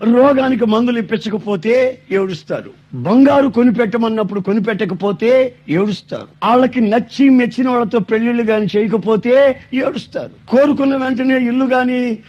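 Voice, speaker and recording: A man preaching a sermon as a pastor, telling stories in an animated way. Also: very high-pitched, moderate pace. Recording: dull lo-fi recording.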